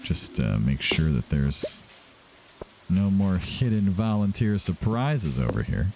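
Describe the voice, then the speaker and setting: Over a noisy background, a man with a low, creaky voice speaks slowly with big pitch swings. As a gaming host giving casual let's-play commentary, he chats to himself and to characters in the game.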